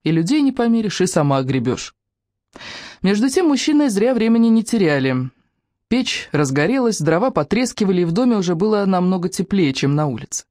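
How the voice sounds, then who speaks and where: A woman narrating a romance novel audiobook with a lively, expressive reading. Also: mid-range voice, brisk, no echo, clean studio sound. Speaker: audiobook reader.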